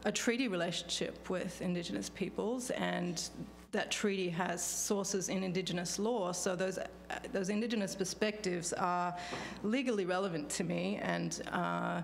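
A woman's voice: lowish voice, fairly even intonation, moderate pace, gravelly, slight background noise. A woman in her forties with an Australian accent, speaking as a panelist at a podium microphone in a lecture hall, thoughtful with frequent fillers and restarts. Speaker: panelist, law professor. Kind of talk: conference talk. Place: law school lecture hall. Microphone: podium microphone on stand.

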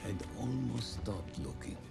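An actor playing a weary soldier who narrates the war in a game cutscene, speaking slowly and quietly. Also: male voice, medium pitch, gravelly. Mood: somber. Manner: slow, quiet, somber narration. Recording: game cutscene voice over loud music.

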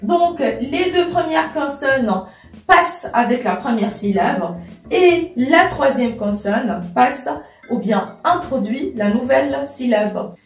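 Slow, patient woman teaching French. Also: high voice, lively intonation. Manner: patient, careful, repeats and spells out examples. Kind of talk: slow explanatory lesson. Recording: echoey room, voice from a distance, soft music behind.

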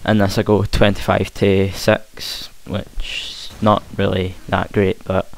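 A young man with a broad Scottish accent gives casual, hesitant gameplay commentary, trying to speak clearly, on a hissy home recording. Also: deep voice, monotone, slow pace, poor audio. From Scotland. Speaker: gaming commentator. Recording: hissy home mic with faint noise. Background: game gunfire.

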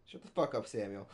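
A man's voice: mid-range voice, darkish tone. A man streaming a video game with casual, profane commentary, rambling and repeating words for emphasis.

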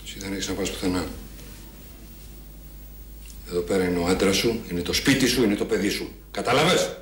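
An actor playing a curt, defensive husband who orders his wife to be quiet. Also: deep voice, lightly acted. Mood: commanding. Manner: curt, commanding, gruff. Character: husband Apostolos, harsh and defensive. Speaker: actor in TV drama.

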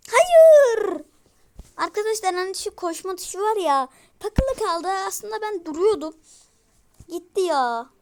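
A woman giving casual let's-play commentary to her viewers, easily frustrated and breaking into loud exclamations. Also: very high voice, animated, unhurried, background noise. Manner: talks straight to her viewers. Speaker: gaming streamer.

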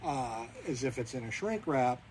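Middle aged guy showing people round a big warehouse, plain matter-of-fact talk, clear background noise. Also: medium pitch, expressive, normal speed, a little mellow. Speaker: staff tour guide at a game store. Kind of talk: informal guided walking tour. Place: large indoor warehouse and store. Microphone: handheld camera a few steps away. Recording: noisy handheld recording in large warehouse.

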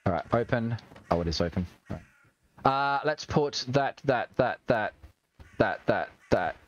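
Australian man in lively, swearing game chatter. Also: mid-range voice, unhurried, dull audio, slight background noise. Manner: chatty, swears and jokes while playing. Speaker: streamer. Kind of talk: gaming livestream commentary.

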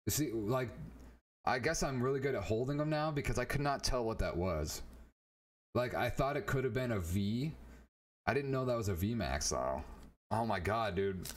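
A man streaming live as he opens trading card packs, chatting casually and getting excitable as he talks to a viewer by name. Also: medium pitch, normal speed.

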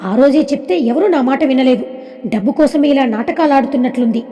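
A woman's voice: sits high, brisk, mellow, big-room sound, lightly acted. Woman voicing a spiteful accusing young woman. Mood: angry. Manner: angry, accusing.

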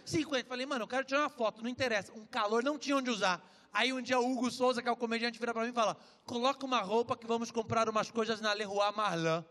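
A Brazilian man doing a crude, jokey stand-up set on a comedy club stage, telling stories and switching voices fast. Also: extremely high pitch, fairly even intonation, pushed and bright, long reverb tail. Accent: Brazilian Portuguese. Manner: brash, crude, jokey storytelling with quick voice switches. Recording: stage recording with crowd and room noise.

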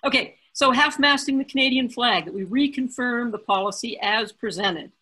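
A woman runs a council meeting over a video call, with a bright tone and a slightly husky edge. She moves through motions briskly and cracks small jokes along the way. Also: a little high, poor audio. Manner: joking, brisk, chatty. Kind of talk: casual meeting chairing.

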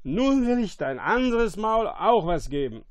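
A jolly, boastful drunken sailor, done by a male reader, loud and pitched high. He crows and shouts his orders, a storybook rogue heard close and dry. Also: sing-song, a little slow, no echo. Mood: astonished.

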